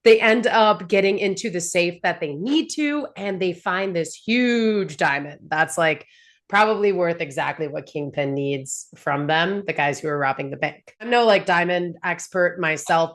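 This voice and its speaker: A woman hosting a casual show recap, talking in an animated, chatty way full of fillers and laughs. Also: fairly low pitch. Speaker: podcast host.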